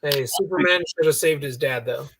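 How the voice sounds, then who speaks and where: A man's voice: fairly high pitch, moderate pace, a crowd in the background. A man chatting casually on a live video call, rambling and searching for words. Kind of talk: casual chat.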